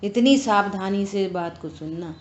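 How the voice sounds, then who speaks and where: Slow, earnest woman teaching scripture. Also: medium pitch. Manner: slow, earnest explaining with rhetorical questions. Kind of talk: religious scripture class. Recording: echoey room, dull lo-fi sound.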